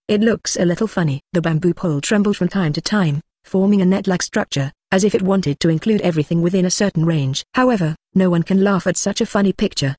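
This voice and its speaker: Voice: mid-range voice, a little mellow, no room sound, clean studio sound. A computer voice reading a web novel aloud as audiobook narration, speaking punctuation marks as words. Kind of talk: text-to-speech novel reading.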